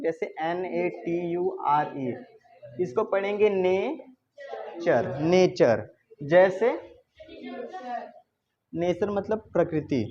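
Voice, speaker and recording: A man's voice: high-pitched, a little mellow. A male teacher giving a classroom-style pronunciation lesson, constantly quizzing his students and checking that they understand. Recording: dull lo-fi recording with faint background noise.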